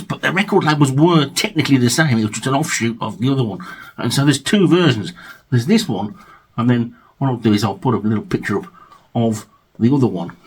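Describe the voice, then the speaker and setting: A man's voice: mid-range voice, breathy edge. A man from England hosting a video about his record collection, chatting casually with jokey asides and reading liner notes aloud. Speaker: vinyl collection video host.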